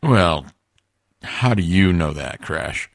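A man's voice: sits low, animated, takes it slowly, creaky, no room sound, studio quality, exaggerated voice. A man voicing a male elf radio news host who speaks with a formal newscaster delivery. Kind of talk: comedic audio podcast hosting.

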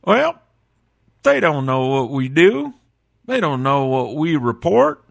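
A man performs a blunt elf flight tracker with a gravelly, creaky voice in a comedic audio podcast. He talks plainly and roughly, sometimes bending his grammar, and his pitch leaps sharply at the start of a reply. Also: sing-song, slow pace, exaggerated voice. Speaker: podcast guest.

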